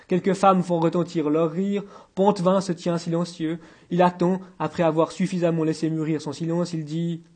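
Homme à la voix haute et voilée. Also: male voice, fairly high pitch, dark tone. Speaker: narrator. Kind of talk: audiobook narration.

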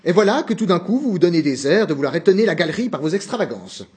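Stern formal manager, raised and lively voice, a male reader putting him on for a storybook. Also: high voice, fast. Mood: scolding. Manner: scolding, formal, indignant. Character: stern middle-aged male office manager.

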